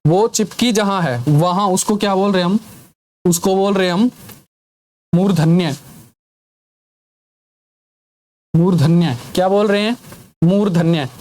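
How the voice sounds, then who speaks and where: A male teacher giving a classroom grammar lesson, drilling sounds over and over, asking the class questions and dropping teasing jokes. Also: high-pitched. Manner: drills students with repeated sounds and call-and-response questions; jokey teasing asides.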